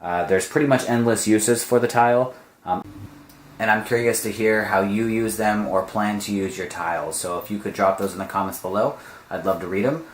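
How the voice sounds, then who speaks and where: Deep-voiced man demoing a gadget. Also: normal speed, a little hiss or hum. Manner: explanatory, filler-heavy, chatty. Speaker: product reviewer. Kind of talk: casual product demo. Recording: echoey room.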